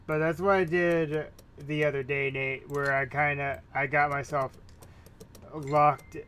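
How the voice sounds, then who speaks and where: Bright-voiced man, slow casual gameplay commentary. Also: fairly high pitch, little pitch movement, smooth. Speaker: gamer, host of a playthrough.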